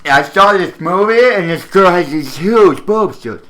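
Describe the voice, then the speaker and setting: Man putting on a nerd voice, high-pitched, loud, gushing, excitable young guy. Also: moderate pace.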